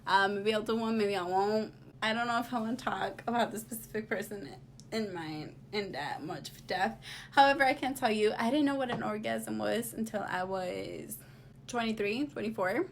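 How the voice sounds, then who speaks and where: A woman's voice: mid-range voice, normal speed, vocal fry, slight background noise. A woman in her twenties chatting casually as she answers viewer questions, blunt, sassy and slangy with no filter. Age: 20s. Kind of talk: casual confessional Q&A chat.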